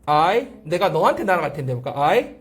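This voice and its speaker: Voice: medium pitch, sing-song, normal speed. An English teacher giving a classroom grammar lecture, drilling pronunciation by repeating phrases and constantly asking the class check-questions. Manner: asks frequent rhetorical check-questions. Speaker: English teacher at a language academy.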